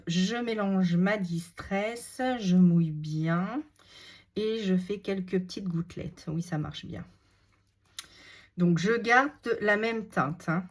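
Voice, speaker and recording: A woman with a French regional accent demonstrating a craft technique step by step, chatty and unhurried, thinking aloud with many fillers. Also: lowish voice, a little mellow. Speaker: crafting tutorial host. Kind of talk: casual step-by-step crafting demo.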